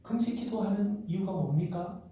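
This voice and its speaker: Dark-voiced pastor preaching in an echoey church. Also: male voice, high-pitched, moderate pace, far from the mic. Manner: rhetorical questions to the congregation; acts out quoted voices in dialogue. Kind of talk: sermon. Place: church sanctuary.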